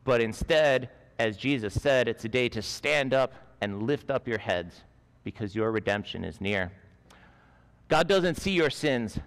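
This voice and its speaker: A man's voice: mid-range voice, a bit bright. A man in his forties preaching a chapel sermon at a school, telling stories earnestly while gesturing with both hands. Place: school chapel stage with a lectern. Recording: long reverb of a large chapel.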